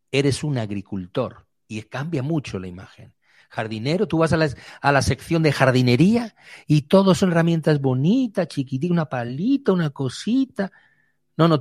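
A man's voice: mid-range voice, no echo. Man preaching in a dry room. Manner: vivid, shifts between fast and slow emphatic delivery. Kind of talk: sermon.

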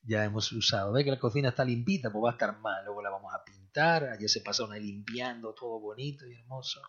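Emphatic pastor with a bright, husky voice. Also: male voice, lowish voice, fast. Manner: emphatic, swinging from loud exhortation to hushed prayer. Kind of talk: sermon. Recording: dull lo-fi sound.

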